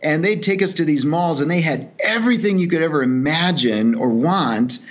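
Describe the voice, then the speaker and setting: The recording is muffled, and the man's voice sits a little high at a moderate pace. A middle-aged guest from El Salvador who runs a charity, he recounts his story on a podcast in a relaxed, earnest, reflective way, often restarting and using fillers.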